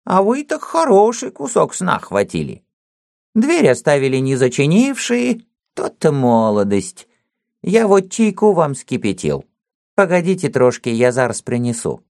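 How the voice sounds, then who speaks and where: A man's voice: a little high, huge pitch swings, measured pace, vocal fry, darkish tone, dry recording, clean studio sound, voice pushed up, heavily acted. A man voicing an older, toothless male church watchman who mumbles and rambles deferentially in folksy speech. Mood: bustling. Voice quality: mumbling, lisping.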